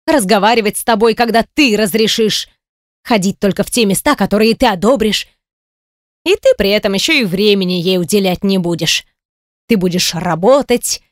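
A woman reading an audiobook voices a sharp-tongued ex-wife, accusing and scornful. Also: medium pitch, dry recording, studio quality, natural voice.

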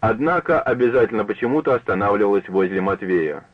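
A man narrating a literary story for radio in a measured, unhurried manner. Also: lowish voice, animated, no echo. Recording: narrow phone-like dry broadcast.

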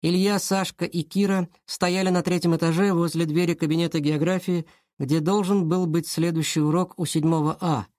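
A reader narrating a children's school detective story in an even, lightly dramatic way. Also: mid-range voice, moderate pace, dry recording, clean studio sound. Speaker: audiobook reader.

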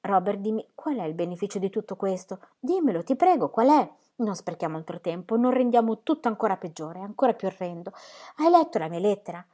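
A woman's voice: mid-range voice, very animated, a little fast, dark tone. A woman voicing a distraught pastor's wife who pleads with her husband and reproaches him in a raised, emotional voice. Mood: desperate pleading.

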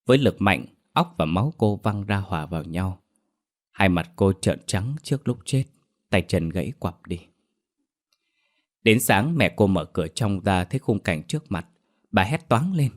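A man narrating a horror story in a steady storytelling manner. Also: deep voice, moderate pace.

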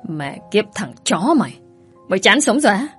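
A woman reading a story, voicing a tough, hot-tempered young man who talks loud and threatening. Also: mid-range voice, big pitch swings, normal speed, faint music behind.

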